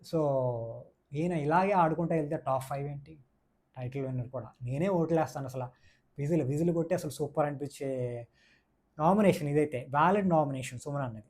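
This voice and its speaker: A man's voice: on the high side, fairly quick, long pauses, a little mellow. A man giving a casual, opinionated review of a reality show, mixing in English words and repeating his points for emphasis. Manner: mixes English words into speech.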